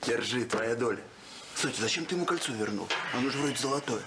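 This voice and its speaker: Sitcom petty crook male actor, mocking, mid-pitched, loud noise behind. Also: expressive, quick pace, natural voice. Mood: smug. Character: smug, mocking crook's accomplice. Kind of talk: sitcom acting. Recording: very noisy TV soundtrack.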